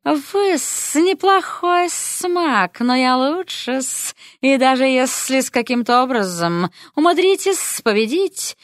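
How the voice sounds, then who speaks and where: A woman voicing a sly, domineering snake matriarch who drawls slowly and hisses on her words. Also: high-pitched, expressive, no room sound, studio quality, voice pushed up. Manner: slow drawl, adds hissing "-s" to words. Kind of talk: audiobook character voice.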